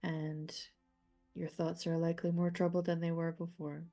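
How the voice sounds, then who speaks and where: A woman narrating as game master of a tabletop game, halting at times, with restarts. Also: on the low side, level tone, dark tone, soft background music.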